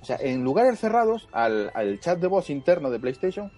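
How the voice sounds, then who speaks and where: A man co-hosting a gaming podcast, telling game stories in an animated, rambling way with lots of fillers. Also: fairly high pitch, moderate pace, soft background music. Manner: animated storytelling with many fillers. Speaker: podcast co-host. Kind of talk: casual chat.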